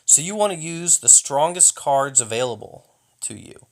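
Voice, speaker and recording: A man's voice: on the high side, animated, moderate pace, vocal fry. Jokey young man rambling over replays. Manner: jokey, hyped-up, mock-taunting. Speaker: gaming YouTuber.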